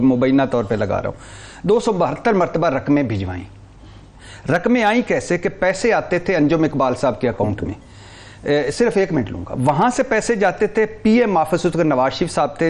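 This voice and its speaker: A man's voice: on the high side, a little mellow. A man with a Pakistani accent, speaking as a guest commentator in a heated TV talk-show debate, emphatic and rattling off long lists of names.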